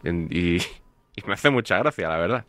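A man's voice: sits low, lively intonation, normal speed, bright, forceful tone, dry recording. A man hosting a casual sports talk show with wry, playful humor. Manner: wry, playful, plays clips and quizzes the assistant. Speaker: radio sports show host.

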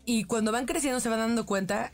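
Guest, Mexican woman, mother, rambling chatty delivery, quiet music under. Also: on the high side, quick pace. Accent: Mexican Spanish. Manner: talkative, many restarts and fillers. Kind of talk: casual chat.

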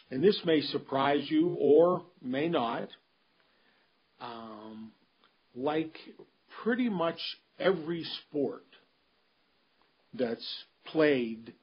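A man giving a casual solo recap of a golf tournament, pausing often with ums and restarting his sentences. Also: mid-range voice, husky, lo-fi sound. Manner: halting, many ums and restarts, measured. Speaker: golf commentator. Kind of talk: unscripted solo commentary.

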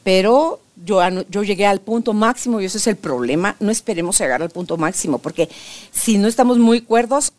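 An older woman speaks at a fairly quick pace and medium pitch as she gives her granddaughter relationship advice in a casual interview. She tells it like a story, with emphasis and lots of animation.

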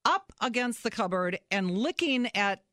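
A woman's voice: a little high, normal speed, no echo. Middle-aged woman, casual storyteller, self-mocking, acts out the big moments, dry close sound. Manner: animated, self-mocking storyteller who acts out her own shouts.

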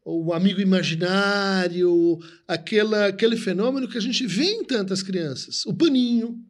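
With a high voice at a moderate pace, a man co-hosts a conversation and explains ideas in a lecturing manner. He often adds a questioning "né?", meaning "right?", to his sentences.

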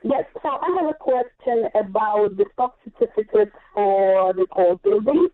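A woman's voice: mid-range voice, a little slow. A woman calling in by phone, her voice echoing on a speakerphone as she explains her question hesitantly, step by step. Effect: echoing speakerphone on a call. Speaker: caller. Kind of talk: call-in question. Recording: tinny, echoing phone line.

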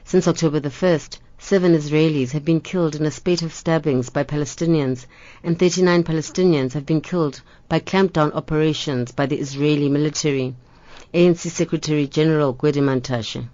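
A woman's voice: sits low, steady tone, fairly quick, mellow, dry recording, muffled recording. A woman narrating a scripted news report.

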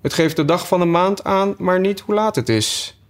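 A man's voice: high-pitched, lively intonation, moderate pace, voice pushed up. A man reading aloud, voicing a polite, curious young girl in a raised voice.

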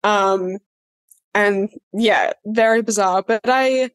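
A young woman in her mid-twenties chatting in an interview. She speaks loosely and warmly, circling back with fillers and restarts, and laughs easily between thoughts. Her voice sits at an ordinary middle pitch. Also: takes it slowly, clear, resonant tone. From Australia. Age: 20s. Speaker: actor being interviewed. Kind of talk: casual interview chat.

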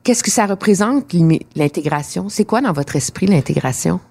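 Low-voiced woman interviewer, probing. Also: expressive, normal speed, vocal fry, a little mellow. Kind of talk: interview questions.

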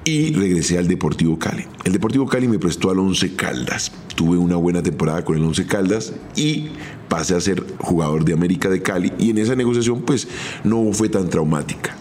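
A middle-aged man with a Colombian accent, a former footballer telling his own career story in a measured, step-by-step podcast monologue. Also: sits low, a little mellow, a little hiss or hum. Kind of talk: first-person podcast storytelling.

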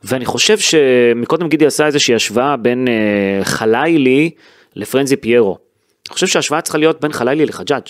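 A man talks through a football match in a loose, animated way. He breaks off and restarts his sentences often, his pitch sits in the middle, and the sound is dry and close to the mic. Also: no room sound. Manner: animated, thinks aloud with fillers and restarts. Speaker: sports podcast host. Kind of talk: casual football analysis chat.

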